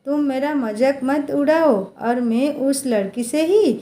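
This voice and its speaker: A woman doing a high, eager little village boy. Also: slow, warm tone. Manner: insistent, protesting. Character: young village boy, curious and stubborn. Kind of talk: storybook character voice.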